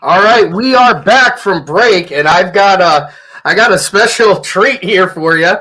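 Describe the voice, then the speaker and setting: A man's voice: high voice, expressive, a little slow, pushed and bright, slightly rough. A man hosting a sports radio show, talking loosely with many fillers. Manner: loose, hesitant, filler-heavy talk. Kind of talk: casual radio chat.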